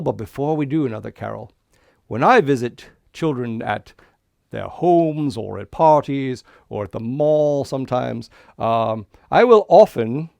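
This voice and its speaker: Give the listener a man acting as a friendly Santa who works like a children's party magician. His voice is gravelly and mid-to-low in the everyday male range, recorded close and dry. He talks in showy, inviting patter meant for kids. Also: darkish tone, dry recording. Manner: kids' party magician patter, drawn-out showy counting and reveals. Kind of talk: interactive children's visit over the internet.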